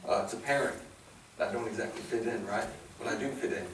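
This guest speaker is a man in his forties with a Chicago accent, a lowish, fairly bright voice and a quick delivery, sharing an earnest, folksy, plainspoken testimony in a casual way with a church audience. A distant camera picks up his handheld or lapel mic in a big indoor hall with a stage, and the recording echoes and carries plenty of noise.

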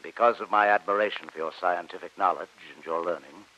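An actor playing a proud, embittered submarine captain in an old radio drama, imperious, formal and theatrical. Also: male voice, low-pitched, steady tone, quick pace, noisy background, close to an everyday voice. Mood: courteous, commanding. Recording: muffled old radio recording.

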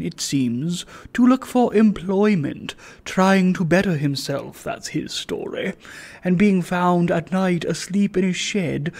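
A man reading aloud and voicing a pompous, self-righteous wealthy old gentleman who speaks with solemn majesty. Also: high voice, vocal fry, pitched above the performer's own voice, heavily acted. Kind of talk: audiobook reading.

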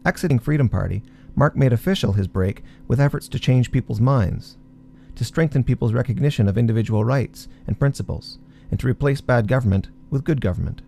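A man narrating a documentary in a measured, formal script. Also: medium pitch, vocal fry, mellow, soft background music.

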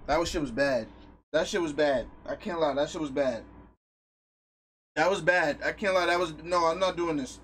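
A man streaming live from home, talking loudly and crudely to his chat with lots of swearing. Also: fairly high pitch, normal speed, slight background noise. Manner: loud, crude and profane, reacting to chat. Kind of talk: casual live stream talk.

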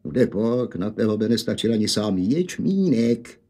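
A man voicing a gruff, irritable farmer father with a Hanák dialect, loud and scolding. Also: fairly low pitch, very animated. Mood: angry scolding.

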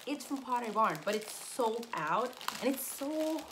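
With a slightly high voice at a moderate pace, a young woman raised in Puerto Rico, Spanish her first language, hosts a casual haul video indoors among shelves of collectibles. Background noise is present as she squeals with excitement and laughs frequently, filmed by a camera at desk distance.

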